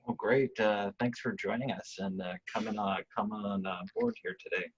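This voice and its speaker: A man's voice: on the low side, sing-song, normal speed, vocal fry, breathy edge. A man running a club meeting on a video call, casual and with many fillers. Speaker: club vice president. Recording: muffled video call audio.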